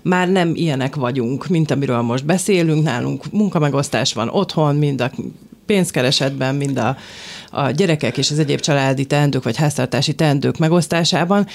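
A woman from Hungary in a casual discussion, speaking thoughtfully with hesitant fillers. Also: deep voice.

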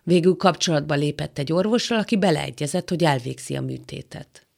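A woman reading a literary novel aloud as an audiobook narrator, in a calm, measured way. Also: low-pitched, creaky.

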